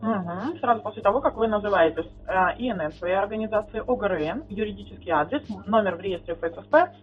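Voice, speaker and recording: Woman on a tinny phone call, quick and pushy, keeps demanding names. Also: medium pitch, expressive. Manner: insistent, legalistic, demands identification. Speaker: debtor taking a collection call. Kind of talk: phone argument.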